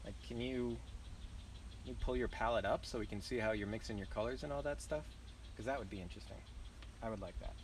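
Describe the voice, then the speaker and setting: A man's voice: medium pitch, fast, far from the mic, a little hiss or hum, low-quality recording. A young man with a Southern US accent, chatting loosely while streaming live, rambling and swearing casually. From southern United States. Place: outdoors at a campground.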